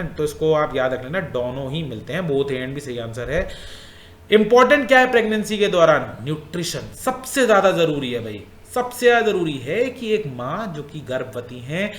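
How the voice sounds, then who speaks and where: A man's voice: fairly high pitch, a bit bright, echoey room. A male teacher going through exam questions in a casual way, repeating points and asking the class questions.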